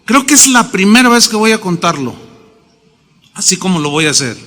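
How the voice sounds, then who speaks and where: A middle-aged pastor with a high, bright, forceful voice preaches briskly, swinging his pitch widely. He tells stories emphatically and acts out the quotes himself, with the long reverb of a hall around him.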